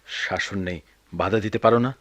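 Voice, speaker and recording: একজন পুরুষ অভিনেতা ক্লান্ত, অভিমানী মধ্যবয়সী বাবার চরিত্রে, নব্বইয়ের দশকের বেতার নাটকের ঢঙে।. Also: male voice, on the low side, normal speed, fairly bright tone, dry recording. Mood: weary bitter. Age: middle-aged. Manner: weary, resentful, sometimes raising his voice. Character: weary middle-aged father, bitter and proud. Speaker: father of grown children. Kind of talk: 1990s radio drama acting.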